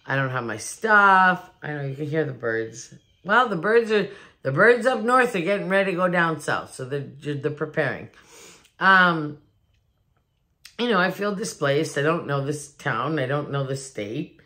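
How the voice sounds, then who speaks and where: A woman's voice: low voice, expressive, unhurried, bright, forceful tone. Chatty woman vlogging at home. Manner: chatty, rambling, with many restarts. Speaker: DIY vlogger. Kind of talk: casual chat to camera. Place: new home, indoors. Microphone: phone on a ring light.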